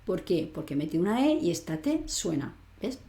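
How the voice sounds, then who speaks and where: A woman's voice: fairly low pitch, sing-song, moderate pace, warm tone. A woman teaching French grammar online, explaining step by step and asking rhetorical questions she answers herself. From Spain. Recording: echoey room.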